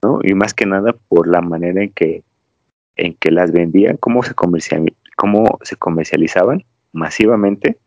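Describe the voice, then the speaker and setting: A low-pitched man speaks at a normal speed, recorded dry with slightly dull lo-fi audio. He's a Mexican podcast host chatting casually, rambling and wandering off on tangents as he tells stories.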